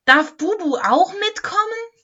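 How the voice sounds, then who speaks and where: A woman voicing an excitable little clown girl in a storybook reading, squealing and eager. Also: on the high side, measured pace, muffled recording, pitched above the performer's own voice, heavily acted. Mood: excited.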